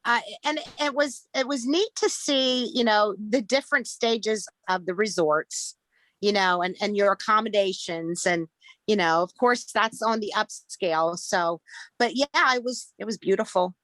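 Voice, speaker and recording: Middle-aged woman, guest on a podcast, slow halting speech, bright clear tone, dry close sound. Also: medium pitch, no echo, low-quality recording. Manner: slow, halting and tearful, many fillers. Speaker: guest, podcast host's mother. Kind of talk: emotional interview.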